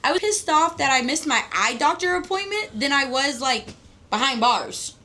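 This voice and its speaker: A woman's voice: sits high, expressive, normal speed, bright, forceful tone. A drunk woman of about thirty chatting casually, blunt, profane and rambling. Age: around 30. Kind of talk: casual chat.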